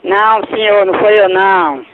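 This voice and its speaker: A woman's voice: medium pitch, normal speed, background noise. A woman heard over the phone as a prank call target, stubbornly denying everything. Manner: flat, stubborn denials. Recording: tinny phone line.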